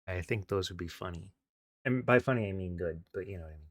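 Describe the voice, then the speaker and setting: A man's voice: sits low, fast, dry recording, clean studio sound. A man co-hosting a podcast in casual chat, giggly and sheepish, often trailing off mid-thought. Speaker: podcast co-host.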